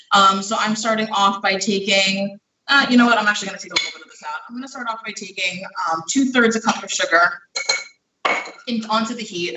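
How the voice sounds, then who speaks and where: A bright, chatty baker explains each step of a recipe while cooking, filling pauses with "um" and a hint of breathlessness. The voice sits back from the microphone in a roomy home kitchen with plenty of echo. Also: medium pitch, distant mic. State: slightly out of breath. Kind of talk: live cooking demonstration. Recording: echoey kitchen, speaker away from mic.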